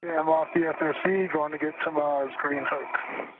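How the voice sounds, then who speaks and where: A man speaks from a spacesuit over a thin, tinny space-to-ground radio channel with a faint hiss behind him. His voice sits a little high and holds level, in clipped, matter-of-fact procedure calls. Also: fairly even intonation, moderate pace. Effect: space-to-ground radio transmission. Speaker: astronaut on a spacewalk.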